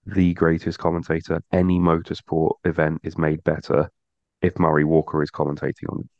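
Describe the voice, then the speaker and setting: A man's voice: a bass voice, monotone, fairly quick, dry recording, highs cut off. A man co-hosting a motorsport podcast in casual chat, rambling and restarting his sentences. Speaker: podcast co-host.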